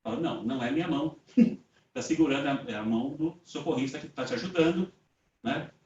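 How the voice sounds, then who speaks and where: A man's voice: mid-range voice, brisk, a little mellow. A man with a Brazilian Portuguese accent gives a conversational lecture to a group. He tells stories casually, acts out the dialogue he reports, and often ends phrases with a tag question. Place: meeting room with an audience. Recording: roomy, distant, dull lo-fi sound.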